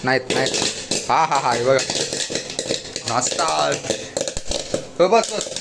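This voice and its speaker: A man's voice: medium pitch, lively intonation, slow pace, creaky, very noisy. A man hosting a casual family vlog at home, chatting and teasing, talking to viewers as guys.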